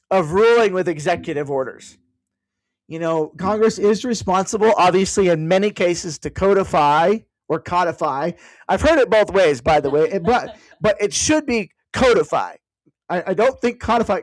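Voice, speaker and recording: High-voiced man talking casually, dry sound. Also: no room sound, low-quality recording. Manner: digressive, with frequent "by the way" asides; thinks aloud while searching online. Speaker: political candidate hosting a learning session. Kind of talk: casual explanatory talk to an online audience.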